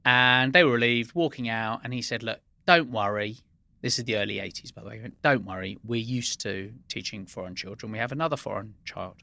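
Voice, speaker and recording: Bright-voiced man telling earnest anecdotes. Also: on the low side, a little fast, gravelly, no echo. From Iran, raised in England. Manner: earnest, anecdotal, with frequent restarts. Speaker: guest. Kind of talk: interview conversation.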